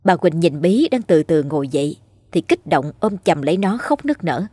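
A woman reads a ghost story in a steady, measured voice that sits lowish and a little husky. The sound is dry and close, with no room around it. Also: no room sound. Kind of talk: scripted ghost story narration.

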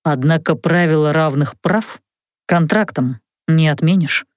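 A woman voicing a mocking, smug young male mage in an audiobook, speaking calmly and teasingly in a lowered voice. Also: dry recording, clean studio sound. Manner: calm, teasing, unhurried. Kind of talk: audiobook character voice.

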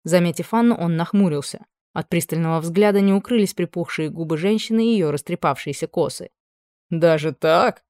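A reader giving measured, scripted narration of a novel. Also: medium pitch, mellow, no room sound. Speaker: audiobook reader.

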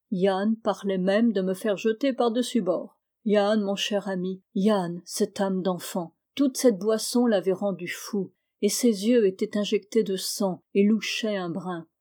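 A woman reading a literary novel aloud as an audiobook, in a calm, measured storytelling manner. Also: mid-range voice. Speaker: audiobook reader.

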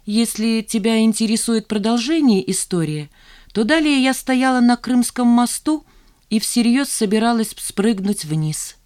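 A woman's voice: on the high side, expressive, a little slow, darkish tone, voice pushed up. A woman voicing a sullen, sarcastic young woman. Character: proud, moody young woman, sharp-tongued. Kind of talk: audiobook dialogue reading.

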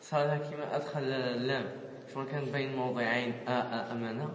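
A man's voice: mid-range voice, fairly even intonation, fast, slight background noise. Distant male student in an echoey hall. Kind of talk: answering in class.

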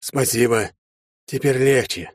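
A male audiobook narrator voicing an ailing older man with a failing heart, hoarse, strained and halting. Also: medium pitch, no echo, clean studio sound, pitched above the performer's own voice, natural voice. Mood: strained, pained. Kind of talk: audiobook character voice.

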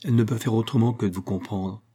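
A man's voice: fairly low pitch, fairly even intonation, fast, mellow, natural voice. A man voicing a clever young woman who speaks in a confiding, lightly mocking murmur. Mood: knowing. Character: clever, teasing young woman, sharp observer.

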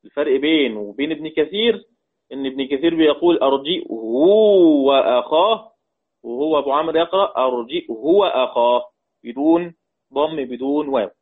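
A man with an Egyptian Arabic accent teaching Quran readings in class, quizzing his students and slowly chanting each reading. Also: a little high. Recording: tinny phone-like recording.

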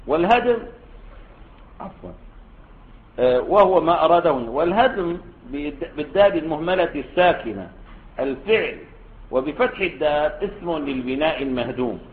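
A male Islamic scholar teaches a classroom lesson on a classical text, posing questions to his students along the way. His voice is on the high side with lively intonation, a moderate pace and long pauses, captured in a tinny, phone-like lecture recording.

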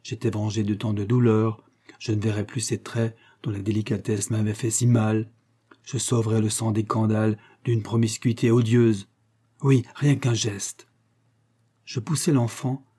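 A man reading the part of an aristocratic woman confessing a dark temptation, in an intense, grave manner. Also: fairly low pitch, flat delivery, a little slow, husky.

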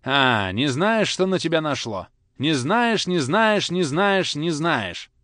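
A man's voice: on the high side, big pitch swings, takes it slowly, fairly bright tone, no echo, clean studio sound, voice pushed up, full character voice. Man playing a furious scolding father. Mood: angry. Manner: scolding, repetitive. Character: angry stern father, strict and harsh.

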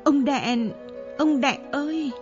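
A woman's voice: on the high side, expressive, measured pace, music in the background, pitched above the performer's own voice. A woman doing a frightened older woman, pleading. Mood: urgent. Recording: dull lo-fi recording.

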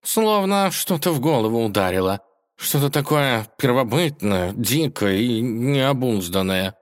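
A man's voice: mid-range voice, animated, unhurried, voice pushed up, lightly acted. A man voicing a fussy, awkward male scholar cat in a storybook tale, puffing and grumbling. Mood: sheepish.

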